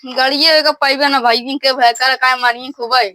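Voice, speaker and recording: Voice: high voice, level tone, normal speed, sharp tone, no echo. A performer with an Awadhi accent playing a sceptical, indignant villager scolding others in a rural comedy skit. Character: sceptical, indignant villager objecting to a cheap sale.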